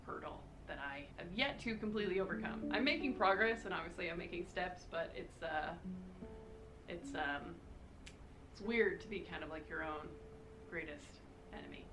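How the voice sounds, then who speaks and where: A woman's voice: mid-range voice, rough recording. A woman in her twenties from Texas, a freelance illustrator, speaking candidly and reflectively in an interview. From Houston, Texas. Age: 20s. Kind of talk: interview answers. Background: music.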